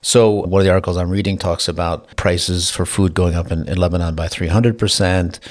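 A man's voice: low-pitched, steady tone, a little fast. A man co-hosting a casual podcast, explaining global trade and food prices with dry humor. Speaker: co-host discussing economics.

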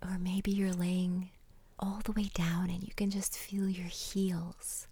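A woman guiding a relaxation exercise in a soft, soothing ASMR whisper, breathy and gentle, close to the microphone. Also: lowish voice, little pitch movement. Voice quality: breathy, unvoiced. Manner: slow, unhurried instructing with pauses.

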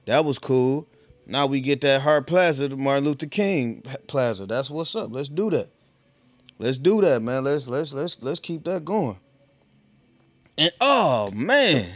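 A man's voice: medium pitch, expressive, unhurried, no room sound. A man hosting a casual solo podcast, rambling and profane, talking straight to his listeners. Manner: loose, profane, rambling, talks to listeners directly. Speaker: podcast host.

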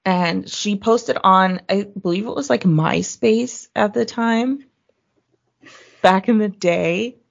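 A young woman co-hosting a podcast, telling a true crime story in casual chat, swearing freely and acting out quotes in a higher voice. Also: slow pace, creaky, lo-fi sound.

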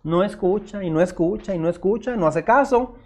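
Man, middle-aged, high pitch, earnest direct sermon. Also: brisk, darkish tone. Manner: earnest, direct, addresses listeners as usted, acts out their objections. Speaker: pastor.

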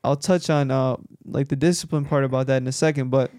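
A man, a podcast host who works in real estate, chatting casually and telling animated stories. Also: medium pitch, fast talker, no room sound, clean studio sound. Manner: animated storyteller who acts out quoted dialogue.

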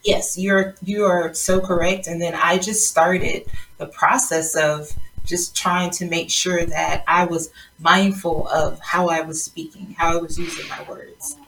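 A woman's voice: low-pitched, measured pace, vocal fry. Woman host from the South, conversational, slightly distant, noise behind. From South Georgia, US. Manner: chatty, laughs often, lively when telling stories. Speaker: podcast host. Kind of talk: casual interview chat.

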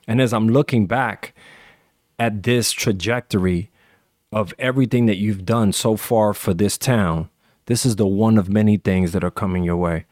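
A male show host addresses his guest earnestly, with long, flowing sentences of praise. His voice is lowish. The recording is dry and close, with no room sound. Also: darkish tone, dry recording. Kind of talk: interview hosting.

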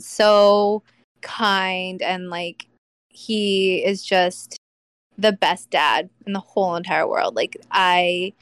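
A woman's voice: mid-range voice, no echo, clean studio sound. A woman in her thirties, a podcast guest, talking in a casual, heartfelt way, with lots of fillers. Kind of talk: casual chat.

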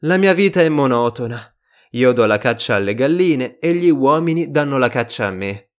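A man doing a wise, gentle storybook fox. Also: medium pitch, normal speed, pitched above the performer's own voice, lightly acted. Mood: reflective. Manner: calm, reflective storytelling voice. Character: wise, gentle fox, patient and a little melancholy.

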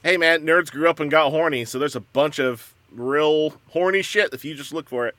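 A man's voice: on the high side, normal speed, a bit bright, no room sound. A man co-hosting a comedy podcast, chatting and bantering casually. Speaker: podcast co-host.

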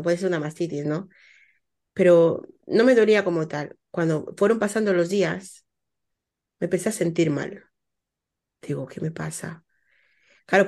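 Chatty woman. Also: on the low side. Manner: animated storytelling with many repetitions and asides. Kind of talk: casual chat about motherhood.

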